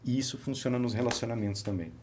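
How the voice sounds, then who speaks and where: With a quick pace and a mid-range voice, a Brazilian-accented man chats casually on his podcast about his work as a therapist, vividly recounting stories and playing out conversations with his patients. A little hiss or hum can be heard.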